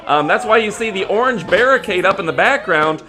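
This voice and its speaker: High-pitched man calling lucha libre wrestling. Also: expressive, fairly quick. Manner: hyped promotional announcing with dramatic exclamations. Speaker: wrestling commentator.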